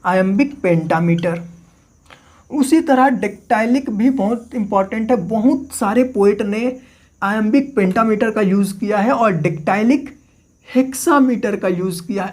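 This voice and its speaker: A man teaching a literature lesson in a patient lecture manner. He keeps asking his listeners questions and then answering them himself. He says each key term slowly, twice, so it can be written down. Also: high voice, a little mellow. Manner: repeats key terms slowly for dictation. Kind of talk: classroom-style lecture.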